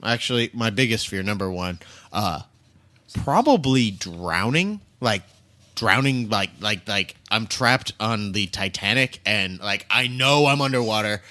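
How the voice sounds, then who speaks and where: Man, podcast co-host, casual banter, swears a lot, rambling stories, bright ringing tone. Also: on the low side, moderate pace. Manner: joking and profane, rambling storyteller. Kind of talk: casual chat.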